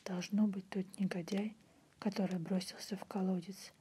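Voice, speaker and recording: A woman reads a literary story in a breathy, unvoiced ASMR whisper, softly and in a measured way. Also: medium pitch, steady tone. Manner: soft, measured literary reading. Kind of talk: whispered ASMR audiobook narration. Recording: faint background noise.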